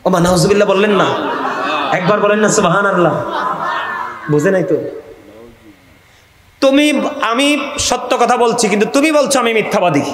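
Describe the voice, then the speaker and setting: A man's voice: sits high, expressive, brisk, long pauses, fairly bright tone, roomy sound. A man with a Comilla Bengali accent preaching a waz sermon and calling out to the crowd for responses. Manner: calls out to the audience for responses, chanting pleas. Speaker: Islamic preacher.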